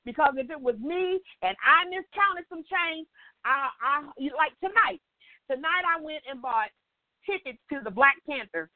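An older woman leading an informal Bible study, a chatty, animated storyteller who acts out dialogue and keeps checking in with her listeners. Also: high voice, unhurried, no echo. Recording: tinny phone-line audio, dry.

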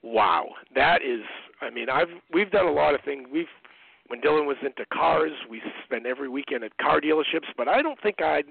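A middle-aged American man, a parent and speaker, tells anecdotes as a guest in a casual, conversational interview. He's heard over a narrow, muffled phone line that sounds like radio, with no echo, and his voice is a little high, gravelly, and husky, with lively intonation at normal speed.

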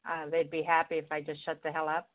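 A woman's voice: low-pitched, monotone, fast talker, no echo. A woman hosting a call-in show, chatting casually with callers and calling them pet names, her voice coming through with a tinny tin-can phone sound. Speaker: radio call-in show host. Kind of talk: casual on-air chat with callers. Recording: tinny narrow-band line.

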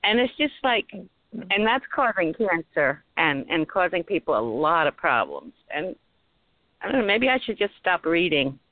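A woman's voice: on the low side, big pitch swings, normal speed, no echo. Woman with Rhode Island accent, phone-like sound. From Rhode Island, USA. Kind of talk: casual panel chat. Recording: tinny phone-like internet call audio.

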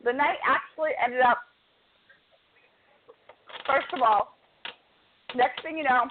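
Woman podcast co-host with a slightly high voice, casual and chatty, recorded over thin phone-quality audio. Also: a little hiss or hum. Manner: chatty storyteller, rattles off match results.

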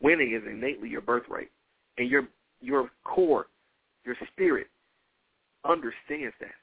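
A man's voice: medium pitch, a little slow, gravelly, husky, no room sound. A man giving a motivational sermon in a fervent, emphatic manner, repeating key phrases for effect. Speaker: motivational preacher. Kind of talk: motivational speech with preaching. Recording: thin, phone-like radio-style sound.

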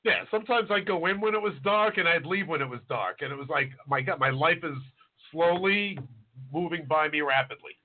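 A man's voice: on the high side, fairly quick. Man in his forties on a tinny line. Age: 40s. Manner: rambling, joking, self-deprecating. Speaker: chef. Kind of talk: casual podcast chat.

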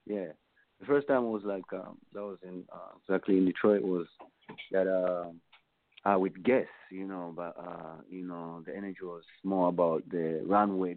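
A Tanzanian musician with a low voice answers interview questions as a guest, meandering and reflective and using many filler phrases. The audio comes through a tinny, dry phone line with slight background noise.

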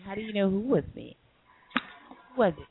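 A woman hosts a late-night call-in radio show, arguing back emphatically and repeating herself. Her voice is mid-range and brisk with big pitch swings, heard over a tinny phone line with faint hiss.

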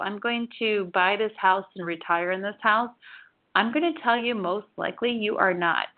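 A woman in her forties giving a chatty, rambling spiritual forecast as a psychic reader, with lots of "you know" and "like". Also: mid-range voice. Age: 40s. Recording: tinny phone-like audio.

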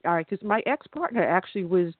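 Male radio co-host, high voice, chatty and laughing, dry narrow sound. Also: lively intonation, fairly quick, no room sound. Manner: chatty, laughs while telling stories. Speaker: talk show co-host. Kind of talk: casual radio chat. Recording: tinny phone-like line, dry.

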